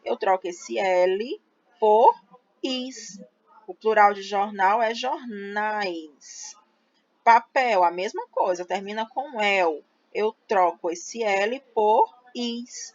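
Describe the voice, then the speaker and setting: A woman teacher, explaining a grammar lesson slowly and patiently, spelling out syllables for her students. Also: medium pitch. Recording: slightly dull lo-fi audio.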